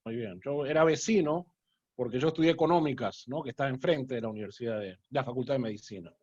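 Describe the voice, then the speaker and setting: A rabbi hosting a casual video-call interview, talking in an unhurried, friendly way with frequent filler sounds. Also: male voice, medium pitch, a little mellow, breathy edge, no room sound. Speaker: rabbi and host. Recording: dull lo-fi call audio.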